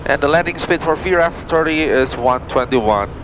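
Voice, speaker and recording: A man from Indonesia, an airline pilot, narrating and briefing from the cockpit in informal, halting non-native English. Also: on the high side, animated, background noise. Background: music.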